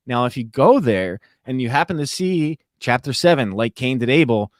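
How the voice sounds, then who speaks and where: A man's voice: mid-range voice, normal speed, no room sound, clean studio sound. A young man hosting a podcast, casually and animatedly recapping a TV episode and acting out lines. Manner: animated, recaps plot with quoted voices. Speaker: podcast host. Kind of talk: casual podcast review chat.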